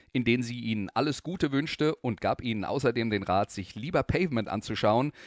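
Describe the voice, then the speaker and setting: Calm male radio host, dry sound. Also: fairly low pitch, dry recording. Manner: calm, measured storytelling. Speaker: radio music show host. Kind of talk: scripted radio narration between songs.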